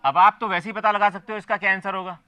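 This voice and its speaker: Bright, high-pitched male physics teacher. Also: fairly even intonation, fast talker, clean tone, dry recording. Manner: explains step by step, keeps checking if students follow. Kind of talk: classroom lecture. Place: classroom.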